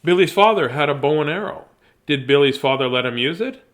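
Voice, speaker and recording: On the high side, expressive, fairly quick and fairly bright, this middle-aged man's voice carries a casual livestream where he chats and reads kids' bedtime stories, goofing around, rambling and joking at his own expense.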